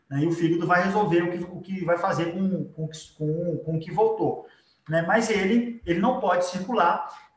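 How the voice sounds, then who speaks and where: Man, Brazilian accent, high-pitched, informal lecturer, conversational explaining, tag questions, roomy echo. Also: recorded from a distance. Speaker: biology teacher. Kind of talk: informal live lecture with drawing. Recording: echoey room.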